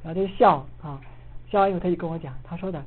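Speaking very fast in a fairly low voice, a middle-aged woman who serves as assistant pastor delivers a sermon woven with a lively personal story, full of filler particles. The recording is muffled, like a phone line, with a faint hiss.

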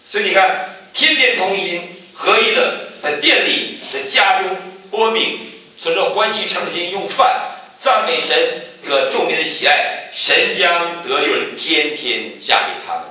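A man giving a church testimony, telling stories with animated swings and loud exclaiming peaks. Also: high voice, unhurried, hardly any pauses, heavy reverb, distant mic, poor audio. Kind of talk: sermon testimony.

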